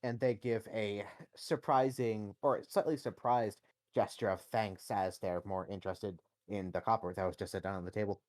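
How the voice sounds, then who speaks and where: A man running a tabletop game as game master, narrating in a relaxed, joking way. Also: lowish voice, normal speed, no echo.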